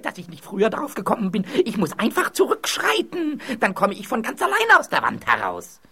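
An actor playing a clumsy, vain castle ghost in a radio play, who speaks in an old-fashioned way and swings between wailing and shouting. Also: huge pitch swings, a little fast, a little hiss or hum, heavily acted. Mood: triumphant. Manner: theatrical, with wild leaps in pitch, wailing and sudden shouts.

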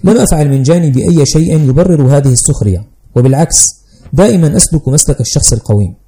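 A man's voice: fairly high pitch, expressive, rapid-fire, mellow. A man voicing a fussy, fearful older male schoolteacher who lectures anxiously and primly, in an audiobook reading. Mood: nervous lecturing.

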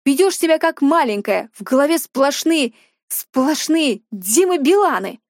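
A woman's voice: high-pitched, lively intonation, unhurried, dry recording, voice pushed up. An awkward middle-aged man speaks with forced, unsure cheerfulness, as a woman reading an audiobook does his lines. The recording is dry and close. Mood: forced cheer.

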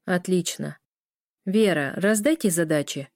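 A woman voicing a tired, rude middle-aged lecturer giving brisk, dismissive instructions. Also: fairly low pitch, a little mellow, no echo, studio quality.

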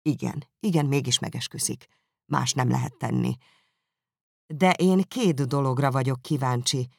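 A man voicing a weary, dry-humoured older father in an audiobook, in his own low voice. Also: vocal fry, breathy edge, dry recording. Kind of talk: audiobook character reading.

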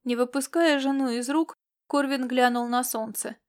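Woman, audiobook narrator, high-pitched, even, smooth delivery. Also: moderate pace.

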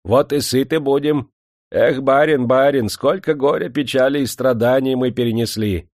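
A man's voice: mid-range voice, normal speed, darkish tone, dry recording, voice pushed up, close to an everyday voice. Man putting on a greedy old woman, wheedling, grasping, dry close recording. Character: greedy old Roma woman, hawk-nosed.

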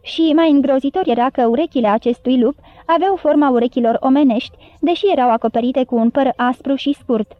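A woman narrating an audiobook with steady, even storybook reading. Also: high-pitched, no room sound. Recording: dry, phone-like narrow sound.

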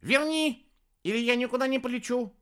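A man voicing a tiny, shrunken creature chief who yells indignant demands. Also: extremely high pitch, unhurried, clear, resonant tone, voice pushed up. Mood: shrill, indignant. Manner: shouting, indignant.

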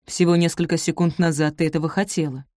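A woman reading the part of an arrogant, angry young nobleman, loud and domineering. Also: sits low, steady tone, quick pace, no echo, studio quality, natural voice.

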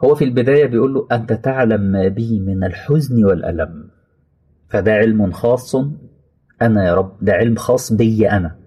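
A man with an Egyptian accent preaching a colloquial sermon, moving between slow, quiet reflection and high, pleading acted quotes. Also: breathy edge, muffled recording. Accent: Egyptian Arabic. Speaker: Islamic preacher.

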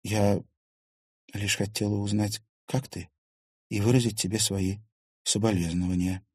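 Guy doing a young woman in a hospital bed, hesitant and shaky, husky dry voice. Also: fairly low pitch, flat delivery, a little slow, no echo. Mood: shaken. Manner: hesitant, shaken, stubborn.

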